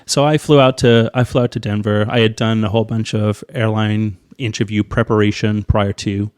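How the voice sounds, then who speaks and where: A man's voice: moderate pace, clean tone. A man with a Northern Irish accent, an airline pilot guest in a casual interview, telling stories animatedly and acting out the people he quotes. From Northern Ireland. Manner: animated storyteller, acts out quoted voices with big pitch jumps.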